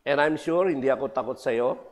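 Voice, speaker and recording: A man voicing a calm, unafraid elderly male churchgoer who gives short, steady replies. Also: medium pitch, fairly quick, big-room sound, close to an everyday voice.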